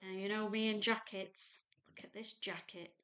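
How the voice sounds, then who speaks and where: Speaking at medium pitch with a flat delivery and a fairly bright tone, this English sewing vlogger in her fifties has a North Lancashire accent. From her home sewing room she talks to the webcam and walks through her screen in a chatty, unhurried, homely way.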